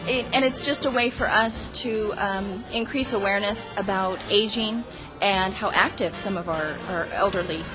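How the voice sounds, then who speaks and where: A woman community services manager speaking in an interview, steady and informative with frequent fillers. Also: mid-range voice, normal speed, over music, poor audio.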